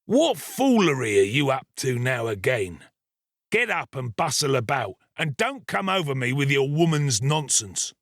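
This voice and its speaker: A man voicing a savage, sick, ill-tempered criminal in an audiobook, with a gruff, growling, impatient delivery. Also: medium pitch, expressive, measured pace, a bit bright, no room sound, studio quality, pitched above the performer's own voice, heavily acted. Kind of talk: dramatised audiobook reading of a classic novel.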